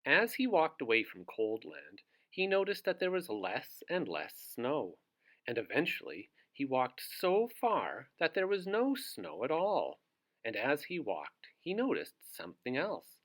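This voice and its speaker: A man's voice: mid-range voice, huge pitch swings, a little slow, fairly bright tone. A man hosting a read-aloud for young children, narrating theatrically and putting questions to his young listeners.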